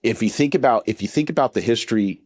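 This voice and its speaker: A man's voice: medium pitch, fast, darkish tone. Earnest man in his fifties. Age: 50s. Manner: earnest and heartfelt, repeats words as he restarts. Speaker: podcast guest. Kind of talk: casual interview talk.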